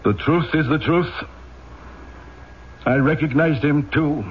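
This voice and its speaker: An actor playing a stern, rigidly honourable French police inspector in a radio drama, speaking formally, emphatically and deliberately, accusing himself. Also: male voice, a little high. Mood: grave, reporting. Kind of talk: old-time radio drama acting. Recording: muffled, noisy vintage radio recording.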